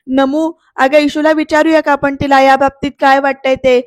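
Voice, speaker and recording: Brief: cautious, caring mother who speaks softly, read by a woman. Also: high voice, flat delivery, normal speed, no echo, clean studio sound, lightly acted.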